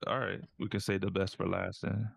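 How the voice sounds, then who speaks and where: A young man chats in a laid-back, joking way on a gaming podcast. His voice is low and gravelly. The sound is dry. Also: level tone, a little fast, dry recording. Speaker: podcast co-host. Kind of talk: casual gaming podcast chat.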